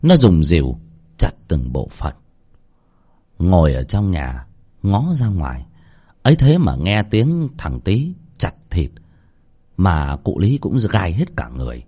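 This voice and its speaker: Husky man telling a horror story. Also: low voice, slow pace, long pauses. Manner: expressive, dramatic storytelling.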